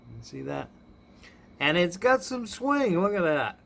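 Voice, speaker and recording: A product reviewer gives a casual, hands-on gadget demo indoors, often chuckling as he thinks aloud. His voice sits high, with big pitch swings and an unhurried pace. The room recording is clearly noisy.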